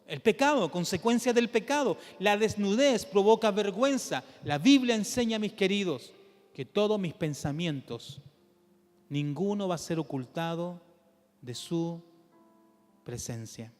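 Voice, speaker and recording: A man with a Chilean accent preaching a sermon in church, asking the congregation question after question and dropping to a soft, low voice to stress key points. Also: in a large hall. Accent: Chilean Spanish. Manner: animated preaching with rhetorical questions, drops to a soft low voice for emphasis. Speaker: pastor.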